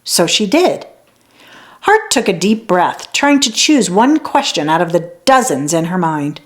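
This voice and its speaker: Reading a children's story aloud, this woman uses an expressive and unhurried storyteller's delivery. Her voice falls on the low side.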